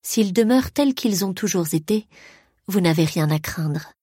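Slow, husky woman reading a story. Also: fairly low pitch, animated, warm tone, dry recording, clean studio sound. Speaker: audiobook narrator. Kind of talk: scripted first-person story narration.

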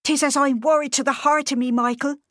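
A woman's voice: sits high, steady tone, a little fast, fairly bright tone, no echo, clean studio sound, pitched above the performer's own voice. A woman reading an audiobook, voicing an anxious, polite fourteen-year-old farm girl. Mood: earnest.

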